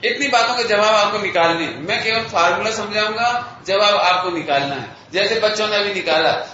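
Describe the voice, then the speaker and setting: A man giving a philosophy lecture to a live audience, explaining slowly and deliberately, questioning his listeners in a playful, teasing way. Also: high voice, sharp tone, a little hiss or hum. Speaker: religious lecturer. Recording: echoey hall, slightly dull audio.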